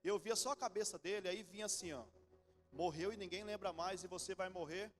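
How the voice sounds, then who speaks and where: A man in his forties with a Brazilian accent, preaching a sermon in church, animated and then suddenly soft and low. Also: a little fast. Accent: Brazilian Portuguese. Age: 40s. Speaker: pastor.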